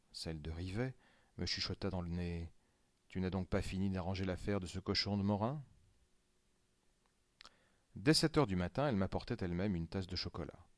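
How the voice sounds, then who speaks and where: A man narrating a classic story aloud in a measured, deadpan reading. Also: low voice, dry recording.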